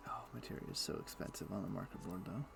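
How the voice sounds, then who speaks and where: A man with a deep, gravelly voice talks quickly as he streams a game, murmuring to himself and slipping in dry, wry jokes. It's casual live-stream commentary, recorded with a steady background hum of noise.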